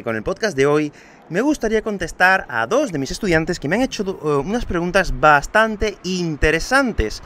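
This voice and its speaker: Lively, bright-voiced Spanish teacher from Andalusia. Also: male voice, fairly high pitch, slight background noise. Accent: Spain Spanish, light Andalusian. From Andalusia, Spain. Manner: patient explaining, addressing the listener directly. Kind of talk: podcast lesson answering student questions. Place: outdoor home terrace.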